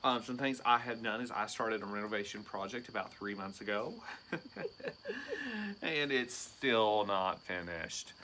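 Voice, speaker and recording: Guy in his 30s chatting and teasing, kinda low voice but bright and forceful, faint hum behind. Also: normal speed, few pauses. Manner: teasing, joking banter. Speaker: teacher and podcast co-host. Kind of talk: casual chat.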